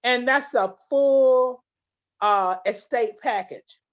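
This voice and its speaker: A woman guest, a legal plan representative, tells earnest stories in an interview, restarting her sentences often. Her voice is on the high side and slow, and the recording has a dull, lo-fi sound.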